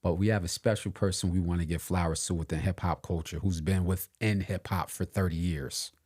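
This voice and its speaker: A very low-voiced man co-hosting a podcast in casual conversation. He talks in an opinionated, emphatic way and repeats his key points slowly to drive them home. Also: fairly even intonation, a little mellow, breathy edge. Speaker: podcast co-host. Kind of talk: casual political and hip hop chat.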